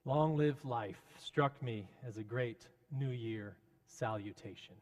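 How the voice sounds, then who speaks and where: A man preaching a reflective homily in a measured, solemn pulpit manner with rhetorical repetition. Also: mid-range voice, a little mellow.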